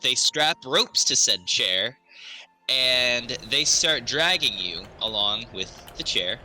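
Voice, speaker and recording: A man runs a tabletop game as game master. His delivery is slow and halting, with a very bright, forceful voice and animated pitch. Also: soft background music, low-quality recording. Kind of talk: improvised tabletop game narration.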